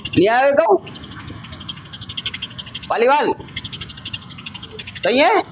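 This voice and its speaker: A man's voice: very high-pitched, big pitch swings, drawn-out words, a little hiss or hum, rough recording. A man teaching a grammar lesson to a class, calling the students brother and son and checking often that they follow. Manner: addresses students as "bhai" and "beta", asks frequent check questions.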